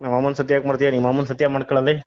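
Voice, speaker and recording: A man's voice: medium pitch, flat delivery, rapid-fire, a little mellow. A man taking a phone call who humors and then scolds the caller, humming along often. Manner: patient at first, then scolding, with frequent hums. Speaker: call recipient. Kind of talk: phone conversation. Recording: muffled phone call audio.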